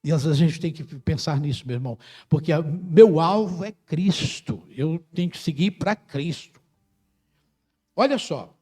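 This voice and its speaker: A middle-aged Brazilian pastor preaching a sermon with passion, rising to loud cries and dropping to quiet, close words. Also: male voice, fairly high pitch, unhurried, slightly rough. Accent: Brazilian Portuguese. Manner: impassioned preaching, swings from loud to soft.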